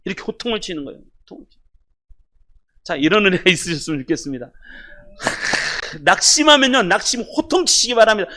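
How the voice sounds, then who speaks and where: A man preaching a sermon as pastor, swinging from loud exhortation to hushed, almost whispered lines and leading the congregation in reading aloud. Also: sits high, expressive, brisk, long pauses.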